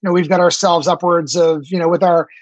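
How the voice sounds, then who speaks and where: A man's voice: a little high, fairly even intonation, a little fast, no echo, low-quality recording. A man in his late thirties, a startup founder answering interview questions eagerly, with many fillers and restarts. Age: 30s.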